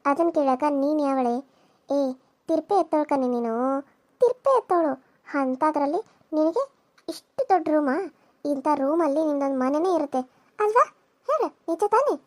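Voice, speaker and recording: A woman's voice: animated, moderate pace, long pauses, no echo. A woman voicing a cruel, scheming young woman villain in a cartoon serial, with a sneering, menacing delivery. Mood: taunting. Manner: sneering, menacing, low and hushed.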